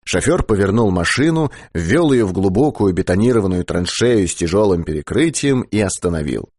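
A man narrating a science fiction audiobook in a measured, expressive reading style. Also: sits low, breathy edge, no room sound, studio quality.

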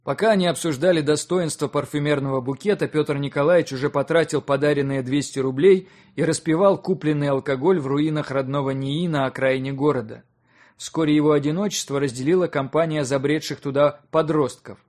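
A man reading a literary audiobook as narrator, in an even, measured storytelling manner. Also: a little high.

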